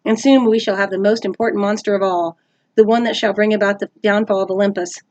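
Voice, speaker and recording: Woman doing a sinister low-voiced monster man. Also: fairly even intonation, quick pace, lo-fi sound, close to an everyday voice. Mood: menacing. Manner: low, hushed, threatening. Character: menacing male vice principal monster, sinister. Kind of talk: read-aloud storybook voice.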